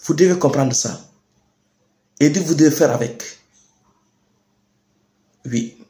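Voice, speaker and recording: A young man with a Chadian French accent giving a rousing political address, emphatic and deliberate, with repeated phrases and rhetorical questions. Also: fairly high pitch, dark tone. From Chad. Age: young adult. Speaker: youth activist speaker. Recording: echoey room sound.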